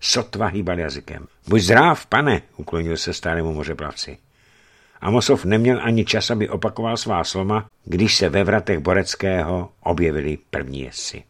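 A man narrating a historical adventure story in an expressive, dramatic reading. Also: low voice. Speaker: audiobook narrator. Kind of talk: scripted narration.

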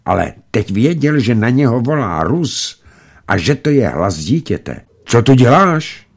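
A man reading a novel aloud as an audiobook narrator, in a measured, expressive way. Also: on the low side, gravelly, husky.

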